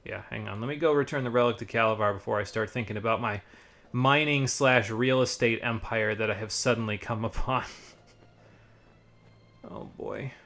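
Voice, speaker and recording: A man's voice: on the low side, normal speed, vocal fry, fairly bright tone. A man giving casual, rambling live commentary on a video game with wry asides.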